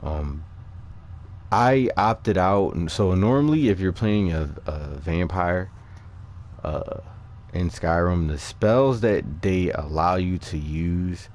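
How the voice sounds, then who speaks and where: Presenting a character build, this gaming video maker offers loose, unscripted walkthrough commentary in a low, slightly mellow voice. He talks haltingly and informally, dropping slang while justifying his picks.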